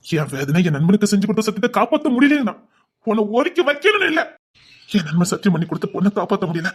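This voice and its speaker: A man's voice: big pitch swings, fast. A man with a Tirunelveli Tamil accent, voicing a wronged and vengeful husband in a dubbed family drama, scolding bitterly. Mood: seething. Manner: bitter, scolding, swinging between shouts and low mutters.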